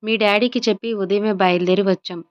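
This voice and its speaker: A woman's voice: medium pitch, steady tone, fairly quick, clean tone, lo-fi sound, lightly acted. A woman narrator voicing a cheerful middle-aged mother who chats happily. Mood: pleased. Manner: chatty, pleased.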